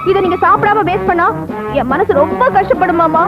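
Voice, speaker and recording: A sweet, pushy young daughter-in-law. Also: female voice, brisk. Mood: coaxing. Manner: high, coaxing and sing-song. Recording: dull lo-fi film soundtrack with loud music.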